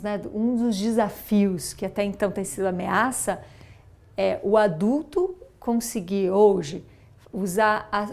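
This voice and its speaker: A middle-aged mother with a Brazilian accent, telling a story and reflecting in a thoughtful, halting way with many fillers and restarts. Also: medium pitch, a little mellow. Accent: Brazilian Portuguese. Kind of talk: reflective interview talk.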